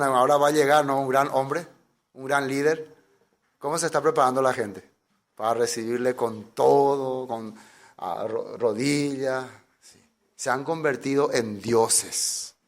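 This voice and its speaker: A man preaching a sermon as a pastor, emphatic, asking his listeners rhetorical questions and acting out the voices he quotes. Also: mid-range voice.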